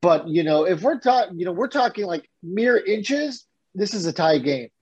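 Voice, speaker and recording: A man co-hosting a casual sports podcast rants with lots of energy, sometimes swearing. His voice sits high and sounds slightly rough, and he talks at a moderate pace.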